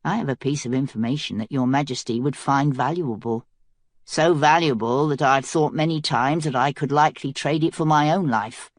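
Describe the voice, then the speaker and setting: A woman's voice: rumbling low, normal speed, no room sound, clean studio sound. A woman voicing a cynical, scheming male prisoner who speaks in a mocking drawl.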